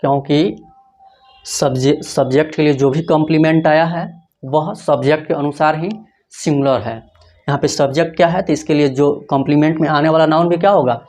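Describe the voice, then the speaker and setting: A teacher at mid pitch walks through grammar rules in a lecture. He poses a question to the class and answers it himself. He repeats each point slowly so it sinks in. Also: fairly even intonation, darkish tone. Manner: asks rhetorical questions and answers them himself. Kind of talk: Hindi-language grammar lecture.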